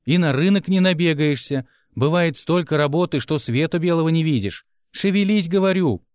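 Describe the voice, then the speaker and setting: A man voicing a bossy, sharp-tongued young witch woman who barks curt commands in an audiobook. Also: fairly high pitch, moderate pace, no echo, close to an everyday voice. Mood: impatient. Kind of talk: audiobook character voice.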